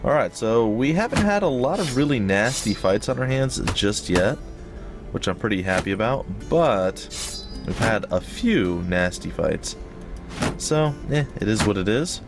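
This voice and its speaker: Casting: male gaming host, lowish pitch, faintly wheezy breath, loose joking ramble over soft background music. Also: lively intonation, unhurried. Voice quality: slightly wheezy, noisy breath. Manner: rambling, jokey, repeats phrases for effect. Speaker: host of a gaming let's play series. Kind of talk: casual let's play commentary.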